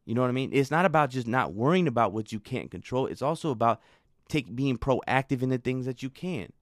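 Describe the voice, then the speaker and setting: A man hosting a show who tells stories in a rambling, conversational way, full of fillers, and gets animated when he recounts frustration. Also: medium pitch, brisk, no echo, studio quality. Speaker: show host. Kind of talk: casual storytelling talk.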